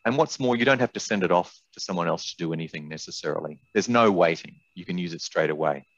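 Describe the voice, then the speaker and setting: An older man with a low voice and a quick delivery presents a software product as an expert, giving a webinar with a live demonstration. He is indoors in a small room on a video call, and the audio sounds dull and roomy.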